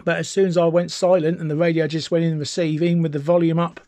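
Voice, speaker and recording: An amateur radio hobbyist from Britain presents a video, demonstrating a product to camera in an informal, chatty, rambling way full of enthusiasm. His slightly high voice moves fast with little pitch variation and a darkish tone, and the recording is dry with almost no room sound or echo.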